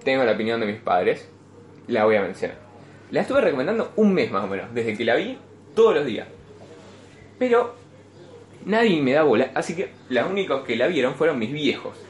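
A man's voice: mid-range voice, fairly quick. A young man with a Rioplatense Spanish accent hosting a casual film podcast, blunt and swearing freely. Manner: blunt, swears freely, lively when excited. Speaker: podcast host. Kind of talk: casual film chat with friends. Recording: echoey room with faint noise.

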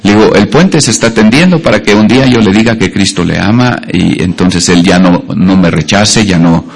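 A man's voice: sits low, moderate pace, creaky, husky. Folksy man preaching. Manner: anecdotal, folksy preaching with jokes and many fillers. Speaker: pastor. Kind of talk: sermon.

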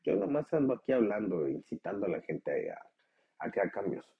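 A man's voice: sing-song, brisk, gravelly, husky, narrow, tinny audio. A man with a Mexican accent hosting a motivational podcast, talking bluntly with lots of swearing and pushy challenges to the listener. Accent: Mexican Spanish. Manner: blunt, profane, swings into high mocking voices. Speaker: podcast host.

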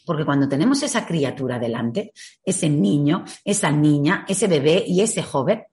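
A woman giving a reflective talk on emotional growth and parenting. She asks many rhetorical questions and slows down to stress key phrases. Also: lowish voice.

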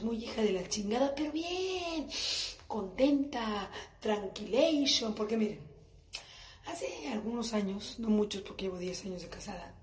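A woman's voice: medium pitch, darkish tone. A woman doing a brash, profane comedic monologue for a live stream, recorded in an echoey bathroom at home. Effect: echoey bathroom acoustics.

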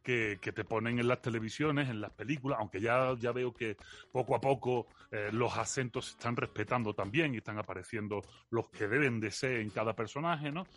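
A man with an Andalusian accent, telling stories as an interview guest in a relaxed, jokey way and slowing down to stress his points. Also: medium pitch. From Andalusia, Spain. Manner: expansive, jokey, slows down for emphasis. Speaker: guest, philosophy communicator.

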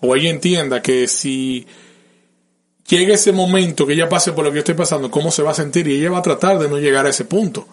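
A man's voice: fairly high pitch, a little fast. Earnest man giving parenting advice. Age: adult parent. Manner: earnest and advice-giving, addresses listeners directly; emotional and open about feelings. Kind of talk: casual conversation.

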